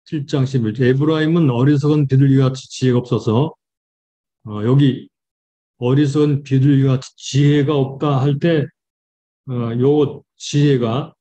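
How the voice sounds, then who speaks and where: A man, a pastor, giving a Bible study lecture, reading verses slowly and explaining them with frequent fillers. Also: mid-range voice, fairly even intonation, warm tone.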